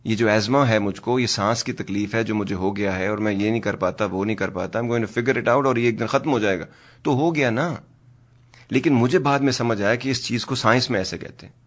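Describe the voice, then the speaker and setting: Earnest man hosting talk radio. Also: fairly low pitch. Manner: earnest, preachy, mixes English phrases into speech. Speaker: radio host.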